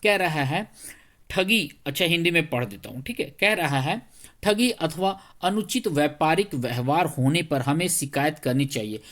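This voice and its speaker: A male teacher, a little under the weather, talking slowly through exam questions in a conversational way and often checking whether students follow. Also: a little high, animated, a bit bright. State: slightly unwell, speaking slowly.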